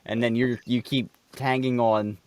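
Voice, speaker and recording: A man's voice: mid-range voice, unhurried, smooth. A man co-hosting a comedy podcast, telling stories with lots of jokes and laughter. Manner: joking, laughs often, animated storytelling. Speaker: podcast co-host. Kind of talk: casual comedic chat.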